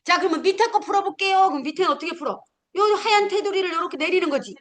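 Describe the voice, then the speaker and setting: A middle-aged woman teaching a class of future smartphone instructors, animated, acting out learners and firing off questions. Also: very high-pitched, racing. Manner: animated, acts out learners and scolding, punchy questions. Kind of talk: lively classroom lecture.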